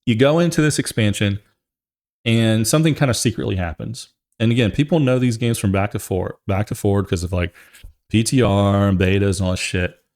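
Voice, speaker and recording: A gaming show host gives casual, opinionated commentary, rambling and emphatic, often repeating his phrases. His voice is fairly low in pitch, a little fast and a little mellow.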